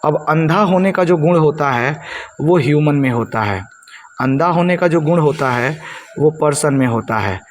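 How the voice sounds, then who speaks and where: A man's voice: fairly high pitch, animated, normal speed, slight background noise. Man teaching, repeating words for students. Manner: repeats key words for students, asks and answers own questions. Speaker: English teacher. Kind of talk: blackboard lesson explaining poetic devices.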